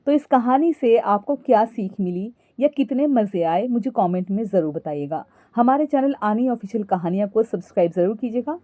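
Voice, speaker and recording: A woman storyteller narrating a scripted moral story in a calm way, addressing listeners as friends. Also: fairly high pitch, moderate pace, few pauses, dry recording.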